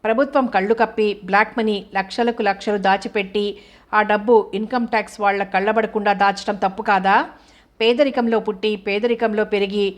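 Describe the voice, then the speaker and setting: A woman's voice: medium pitch, fairly even intonation, brisk, lightly acted. A woman voicing an angry, hurt young wife who accuses her husband with bitter sarcasm. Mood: bitter, reproachful.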